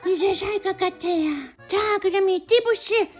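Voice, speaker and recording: A woman with an extremely high-pitched voice hosts a children's toy show at an unhurried pace, playing a cute, childlike cartoon-cat persona. She talks to kids in an exaggerated sing-song manner full of bright exclamations, with music playing behind her.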